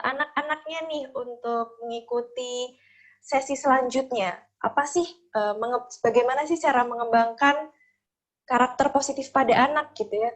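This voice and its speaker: Female webinar moderator, chatty and a bit high, video-call sound. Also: rough recording. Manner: friendly, chatty, with frequent "nih" and "gitu ya" fillers.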